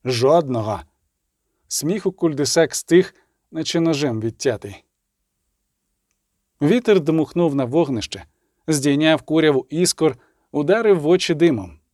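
A man narrating a fantasy audiobook in an expressive, measured reading voice. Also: fairly high pitch, dry recording, clean studio sound.

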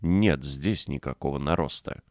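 A fiercely scolding, stubborn little girl, as a man reads her in an audiobook. The voice stays low and deep, with a dry, close sound and no room around it. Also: unhurried, no echo. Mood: furious.

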